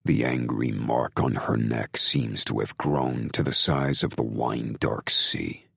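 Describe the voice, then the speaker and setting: Brooding male audiobook narrator; extremely deep, gravelly, slow, first-person and intense. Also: fairly even intonation, fairly bright tone, no echo, studio quality.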